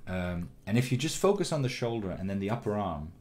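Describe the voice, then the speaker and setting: A man teaching animation, giving a calm, encouraging critique of a student's shot with frequent ums and restarts. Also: lowish voice, a little fast. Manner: calm, encouraging, many fillers. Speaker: animation instructor. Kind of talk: recorded critique of student work.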